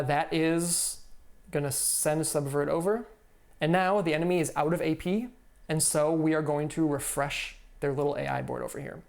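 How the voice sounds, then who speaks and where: A man's voice: a little high, creaky. A man streaming live from home, explaining a solo board game in an easygoing way and thinking aloud with lots of fillers. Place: home room.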